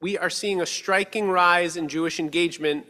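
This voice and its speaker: Male rabbi, sermon, bright forward voice, slightly high, measured pace with slowdowns, sanctuary hall reverb. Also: fairly even intonation. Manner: measured, earnest, slows for emphasis. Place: synagogue sanctuary, at a lectern. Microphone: stand mic on lectern.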